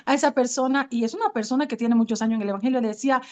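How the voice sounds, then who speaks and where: A woman's voice: fairly high pitch, racing, a little mellow. A woman from Colombia with a Colombian accent gives an earnest testimonial sermon and speaks straight to her listeners as sisters. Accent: Colombian Spanish. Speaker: women's ministry speaker.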